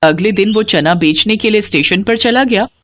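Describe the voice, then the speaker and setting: A woman narrating a scripted children's moral story in an expressive storytelling manner. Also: medium pitch, normal speed.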